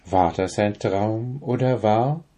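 Male narrator for a fairy tale, slow and mellow. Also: on the low side. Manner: calm, unhurried. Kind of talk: storybook reading.

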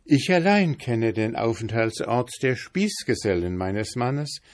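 A man voicing a frightened innkeeper's wife in a read-aloud fairy tale, pleading in a high voice. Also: expressive, measured pace, darkish tone, natural voice.

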